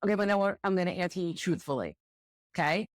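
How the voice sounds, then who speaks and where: This middle-aged American woman, director of student housing, is an interview guest in a casual conversation, talking fast in a lowish voice. Candid and reflective, she repeats words while finding them, and the audio has no echo.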